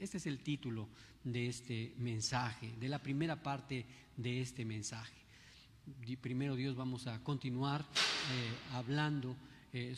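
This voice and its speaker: An older man, a pastor with a Mexico City accent, preaching a sermon in a conversational, unhurried way with frequent hesitations. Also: mid-range voice, a little hiss or hum. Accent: Mexico City Spanish. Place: church. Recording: echoey hall.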